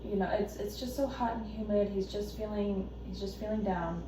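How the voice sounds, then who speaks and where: A woman playing an anxious, devoted wife who explains herself haltingly and defensively in a counselling role-play. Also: medium pitch, steady tone, lightly acted. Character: anxious, devoted wife caring for her husband. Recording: echoey room, distant mic, noisy background.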